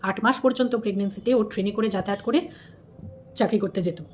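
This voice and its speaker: There is slight background noise as an Indian woman hosts her casual commentary vlog, speaking briskly in a medium, darkish voice. She chats, scolds, repeats herself, and fires rhetorical questions at viewers.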